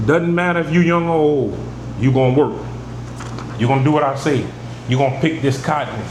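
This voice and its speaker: Speaking fairly quickly in a mid-range voice, this man teaches scripture by reading verses and then breaking them down in plain, forceful terms. He's a preacher, recorded in a reverberant room where air conditioning hums.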